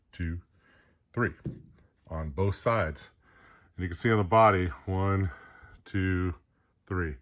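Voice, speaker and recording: Lower-voiced man, rambling, out of breath. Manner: relaxed and rambling, many fillers. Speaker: host. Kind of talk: casual product review.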